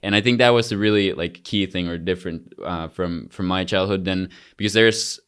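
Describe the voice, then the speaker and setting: A young man from Costa Rica, a guest on a podcast, chatting in a relaxed, easygoing way. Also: low voice, moderate pace, smooth. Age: young adult. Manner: relaxed, easygoing, with frequent restarts. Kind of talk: casual conversation.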